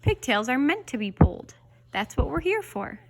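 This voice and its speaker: Woman reader doing a mischievous storybook pigtail: high, pleading, wheedling. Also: sing-song, normal speed, vocal fry, heavily acted. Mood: coaxing. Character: talking pigtail, coaxing and mischievous.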